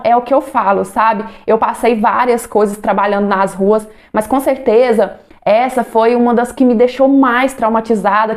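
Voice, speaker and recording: A woman's voice: a little high, a little mellow. A woman telling a personal story in an earnest, confiding way, often turning to her listeners directly.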